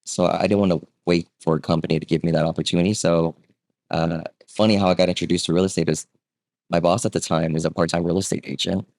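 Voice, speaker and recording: A man in his thirties who was born in Vietnam, a real estate agent speaking as a guest in a casual interview, relaxed and conversational with many fillers and a habit of asking "right?". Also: low-pitched, quick pace, vocal fry, no room sound, clean studio sound.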